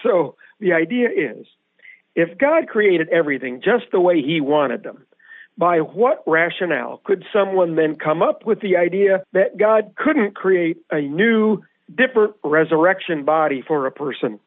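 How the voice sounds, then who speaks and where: A man's voice: high-pitched, no echo. A man teaching the Bible on a radio program, explaining scripture in a methodical way and putting questions to his co-host. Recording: tinny, phone-like radio audio.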